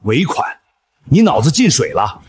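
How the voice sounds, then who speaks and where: A man's voice: mid-range voice, very animated, moderate pace, slightly rough. A man voicing a scheming rival boss who gives contemptuous orders. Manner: commanding, contemptuous. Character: greedy scheming rival boss, cold and cruel. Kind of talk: drama voice acting.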